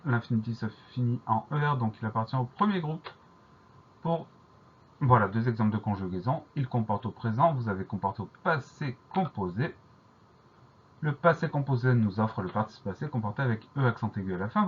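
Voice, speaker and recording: Husky-voiced French teacher spelling words. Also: male voice, medium pitch, highs cut off. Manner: slow, careful, repeats each spelling. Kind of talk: dictation lesson, spelling words letter by letter.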